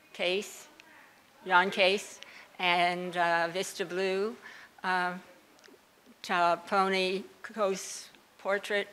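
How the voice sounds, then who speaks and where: A woman giving a short, simple speech of thanks in deliberate, repeated phrases. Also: mid-range voice, a bit bright.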